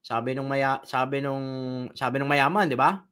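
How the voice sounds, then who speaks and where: A man's voice: medium pitch, normal speed, a bit bright. A man leading an online training session, telling a story, asking the audience questions and laughing at his own tale.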